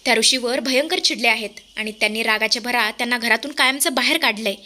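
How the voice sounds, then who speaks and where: A woman's voice: fairly high pitch, fast, bright, forceful tone. A woman voicing an earnest young daughter-in-law pleading with her father-in-law in a narrated TV-serial recap. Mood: explaining.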